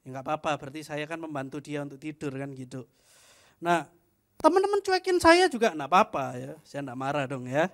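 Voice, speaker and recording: High-voiced joking young preacher. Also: male voice, big pitch swings, brisk. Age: young adult. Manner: chatty, joking, frequent tag "ya". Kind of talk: youth fellowship sermon, casual storytelling.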